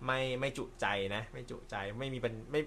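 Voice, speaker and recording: A man hosting a casual live stream from an indoor room, reading viewer comments in a relaxed, chatty way with frequent light laughter and apologetic asides. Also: medium pitch, a little fast, creaky, a little hiss or hum. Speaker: host.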